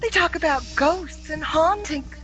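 A pleading, melodramatic Southern belle in a radio spoof. Her voice is extremely high and slow, with faint music behind. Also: fairly bright tone, rough recording. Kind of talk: radio promo parody sketch.

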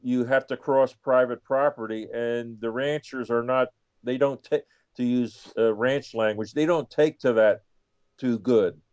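A man giving explanatory answers as an author guest on a radio show, halting and deliberate. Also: medium pitch, fairly even intonation, a little mellow, no echo. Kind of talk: casual explanatory interview answers. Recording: dull dry lo-fi feed.

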